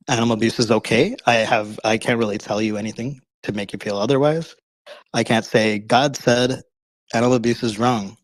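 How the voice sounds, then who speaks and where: A man debating casually on an online voice call, halting and often rephrasing his points. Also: on the low side, dry recording, poor audio. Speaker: debater on a live call-in show.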